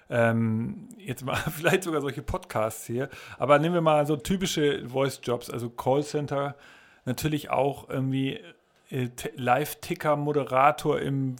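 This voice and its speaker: A man hosting a podcast who asks long, rambling questions and keeps restarting his sentences. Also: medium pitch. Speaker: podcast host. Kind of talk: podcast interview.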